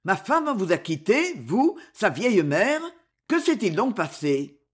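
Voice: medium pitch, very animated, a little slow, breathy edge. A reader playing a grown son back home from far away, pressing his mother with urgent, raised questions. The voice rises and falls a lot in a read-aloud novel. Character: man returning home, son and husband, desperate.

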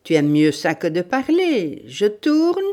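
A woman voicing a brutal male bandit in an audiobook, shouting threats in a raised, harsh voice. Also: lowish voice, big pitch swings, unhurried. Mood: growling.

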